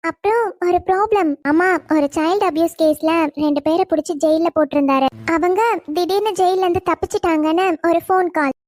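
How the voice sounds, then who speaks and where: A woman's voice: extremely high pitch, brisk, few pauses, darkish tone. A woman narrating a family cartoon story in a chatty, conversational way.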